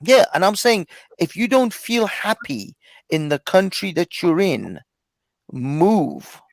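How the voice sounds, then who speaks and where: A man from Iran in a heated, casual debate, forceful and profane, repeating himself to press his point. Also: high-pitched, very animated, slow, vocal fry, dry recording.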